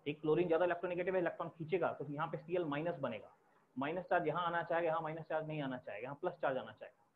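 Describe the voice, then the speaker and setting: A man's voice: fairly high pitch, rapid-fire, slight background noise. A male chemistry teacher lecturing a class, explaining step by step and repeating key terms for students to write down. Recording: tinny phone-like lo-fi recording.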